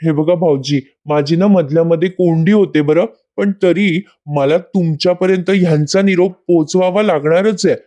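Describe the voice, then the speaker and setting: A man's voice: a little high, normal speed, hardly any pauses, dark tone, lightly acted. A man voicing a middle-aged aunt who nervously passes on a message. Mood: apologetic.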